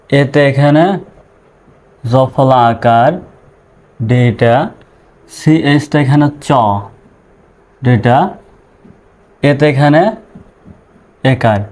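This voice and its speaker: Slow, patient Bangladeshi teacher. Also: male voice, mid-range voice, steady tone, darkish tone. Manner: breaks words into syllables and repeats them patiently. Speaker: English teacher. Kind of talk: slow spelling-out pronunciation lesson.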